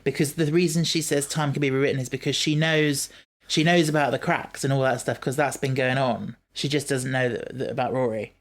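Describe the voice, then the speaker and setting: A man co-hosting a casual podcast, explaining his views in a measured way with plenty of fillers. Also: medium pitch, steady tone. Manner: measured, reasons things out with fillers. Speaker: podcast co-host. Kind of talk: casual chat.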